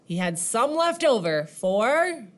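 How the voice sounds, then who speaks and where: A woman reading a picture book aloud to children like a teacher, animated, asking questions and counting along. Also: on the high side, slow pace.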